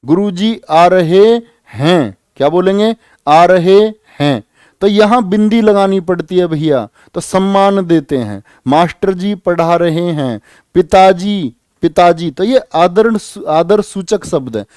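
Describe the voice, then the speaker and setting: Brief: male tutor, higher-pitched voice, dry close recording, quizzes the class and repeats himself. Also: clear, resonant tone, dry recording. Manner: lively, repeats questions and prods students to answer. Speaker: Hindi grammar teacher for police exam students. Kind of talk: live online exam-prep class.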